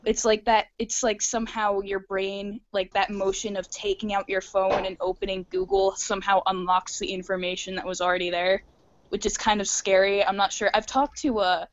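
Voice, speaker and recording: A woman's voice: mid-range voice, flat delivery, normal speed. An eighteen-year-old woman chatting casually as a guest artist, rambling and self-deprecating. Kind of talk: casual chat on a video call. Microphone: video call. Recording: lo-fi video call audio.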